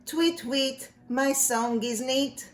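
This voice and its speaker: Pitching her voice high above her natural range, a woman slowly voices a cheerful little male songbird in a children's storybook, chanting in rhythmic sing-song. The room is echoey, with faint noise in the background.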